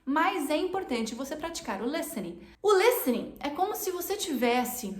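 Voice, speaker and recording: A woman's voice: high-pitched, sing-song, normal speed, roomy sound. A Brazilian woman with a Brazilian Portuguese accent, teaching an online English lesson in a chatty way and repeating her points for emphasis.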